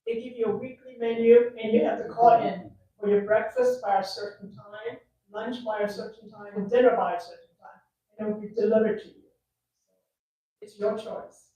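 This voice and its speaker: A woman's voice: fairly high pitch, steady tone, moderate pace, warm tone, lo-fi sound. A woman in her eighties, a resident speaking on a panel in a plain, matter-of-fact way. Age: 80s. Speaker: retirement community resident on a panel. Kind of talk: casual panel talk. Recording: echoey room, picked up from far off.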